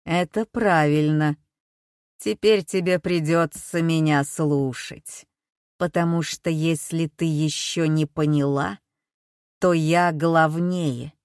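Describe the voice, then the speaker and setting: A woman reading an audiobook, voicing a menacing male kidnapper who speaks through a mechanical voice-changer, slow, loud and mocking. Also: low voice, steady tone, clear, resonant tone, no echo, clean studio sound. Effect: mechanical, metallic voice-changer over the phone.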